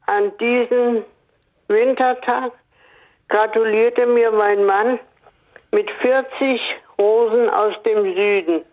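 An older woman from northern Hesse calling in to a radio show, speaking slowly and hesitantly, with many pauses and fillers. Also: on the high side, steady tone. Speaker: radio caller. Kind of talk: phone-in chat on radio. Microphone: telephone. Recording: tinny phone line.

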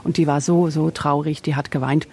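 A museum receptionist telling an anecdote in German, recorded on location. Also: female voice, low voice, fairly even intonation, a little fast, darkish tone, a little hiss or hum. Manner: storytelling, non-native German. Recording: field recording, distant, faint ambience.

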